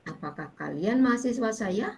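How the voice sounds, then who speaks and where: A woman's voice: a little high, lively intonation, moderate pace, creaky, darkish tone, poor audio. A middle-aged woman lecturer with an Indonesian accent, patiently explaining English grammar to her class with many fillers. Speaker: university lecturer.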